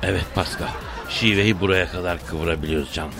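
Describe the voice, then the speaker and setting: A man's voice: low voice, fairly even intonation, a little fast, gravelly, crowd noise, noisy background. Teasing male radio comedy host with a Tokat-Elazığ accent. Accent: Tokat-Elazığ Turkish. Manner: theatrical, teasing, sing-song greetings. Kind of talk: comic morning radio banter. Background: music bed.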